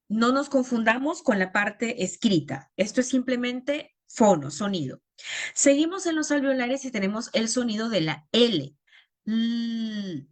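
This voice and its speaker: A woman giving a phonetics lesson, explaining sounds step by step and often checking in with her listeners. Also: medium pitch. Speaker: language therapy teacher.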